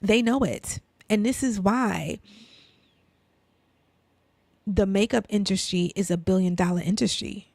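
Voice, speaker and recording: A woman with a Brooklyn accent giving a casual inspirational talk, asking rhetorical questions and checking in with "right?" and "you know", sometimes dropping to a soft near-whisper. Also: mid-range voice, measured pace, vocal fry, long pauses, dry recording. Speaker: faith and lifestyle speaker.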